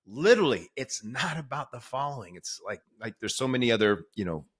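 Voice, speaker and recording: A man's voice: medium pitch, big pitch swings, brisk, fairly bright tone, husky. A man hosting a podcast interview, hyped and punchy as he riffs and asks his guest questions. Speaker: podcast host, fitness business coach.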